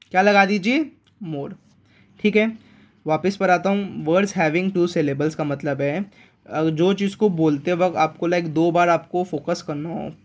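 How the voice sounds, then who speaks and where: A man teaching an English grammar lesson in an online class. He repeats key words and asks his viewers questions. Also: high voice.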